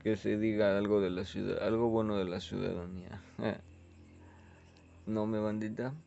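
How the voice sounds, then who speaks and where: A man's voice: lowish voice, flat delivery, moderate pace, creaky, warm tone, highs cut off, a little hiss or hum. A young man with a Mexican accent, rambling laid-back and full of slang in a casual chat from his bedroom. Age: young adult. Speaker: vlogger.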